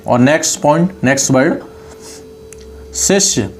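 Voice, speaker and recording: Guy going through spellings one by one, slightly high voice, repeats every word. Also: animated. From India. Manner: repeats each word slowly, correcting spellings. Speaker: online exam-prep Hindi teacher. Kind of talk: spelling lesson.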